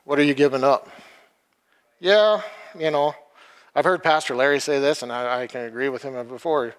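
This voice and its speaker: A man's voice: medium pitch, clean tone. Man preaching in a reverberant church hall. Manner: halting, repeats words, retells a film scene. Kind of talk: informal sermon.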